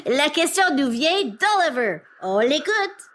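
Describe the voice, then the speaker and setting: A high-pitched, unhurried young girl from a children's TV show, bursting with exclamations and wonder. She draws out her words slowly, cheerful and curious. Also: sing-song, a bit bright, full character voice. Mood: enthusiastic. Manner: enthusiastic, exclamatory. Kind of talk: children's TV dialogue.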